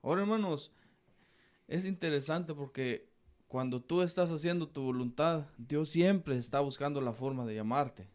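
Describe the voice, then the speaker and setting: A man's voice: on the high side, moderate pace. Radio Bible host, male, emphatic preaching delivery, repeats key phrases.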